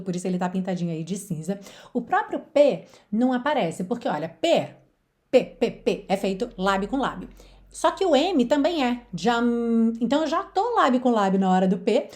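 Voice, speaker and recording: Brazilian teacher lady, slightly high voice, breaks down song lines word by word, says them slow then explains quick. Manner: explains in Portuguese, repeating English song lines slowly. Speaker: English teacher. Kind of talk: song-based pronunciation lesson.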